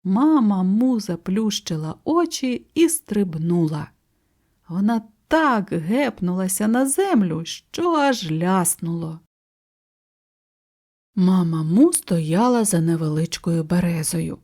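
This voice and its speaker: A woman narrating a children's audiobook in an expressive, gentle storytelling manner. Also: on the low side, takes it slowly.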